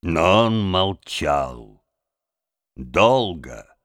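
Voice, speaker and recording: A man's voice: deep voice, very animated, extremely slow, a bit bright, no room sound. A man narrating a story as an audiobook, with dramatic, rising and falling emphasis, on a close microphone.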